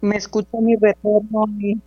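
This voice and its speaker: A woman in her fifties or older calling in to a radio show, speaking earnestly and devoutly with halting pauses. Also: medium pitch, monotone, husky. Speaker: caller. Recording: dull phone line with mains hum.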